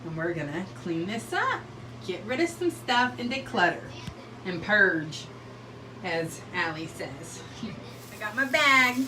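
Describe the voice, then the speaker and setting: A woman's voice: mid-range voice, very animated, unhurried, distant mic, background noise. A young woman vlogging casually at home, chatting as she walks viewers through her bathroom while decluttering and cleaning.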